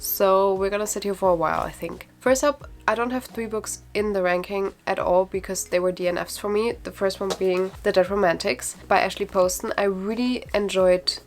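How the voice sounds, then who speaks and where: A woman chatting casually on her video channel, giving frank opinions with lots of fillers. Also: medium pitch. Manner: frequent fillers like "like" and "actually". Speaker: book vlogger. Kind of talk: casual book ranking vlog.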